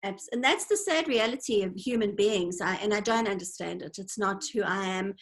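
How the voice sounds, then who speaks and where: A Zimbabwean woman in her forties, heard through a video call, talks casually as an interview guest. Her mid-range voice moves at a normal speed as she reflects sincerely through her stories.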